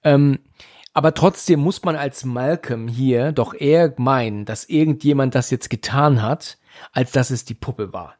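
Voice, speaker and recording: A man's voice: mid-range voice, unhurried, a little mellow. Chatty German man recapping a film. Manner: chatty, many fillers and restarts. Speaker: podcast host recapping a film. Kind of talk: casual film discussion.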